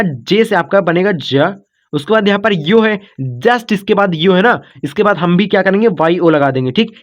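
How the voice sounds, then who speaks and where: A man's voice: high voice, muffled recording. A man teaching an online spelling lesson, patiently breaking words into syllables, repeating himself often and checking in with his students. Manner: calls listeners "kids" and "brother", checks in with "okay".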